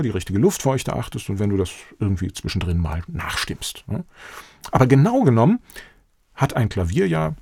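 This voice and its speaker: A man in his fifties coaching the listener head-on, his pitch swinging widely as he makes each point. His voice is gravelly and a touch husky, and it sits in a dry, close space with no room sound. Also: no echo. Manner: direct, animated, addresses listener as "du".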